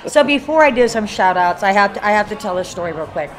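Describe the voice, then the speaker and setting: A woman's voice: mid-range voice, lively intonation, quick pace. Chatty Kentucky woman amid a crowd. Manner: rambling, chatty, many fillers and restarts. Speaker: guest paranormal investigator. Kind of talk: casual live interview chat. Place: haunted hotel event. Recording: live event with crowd chatter behind.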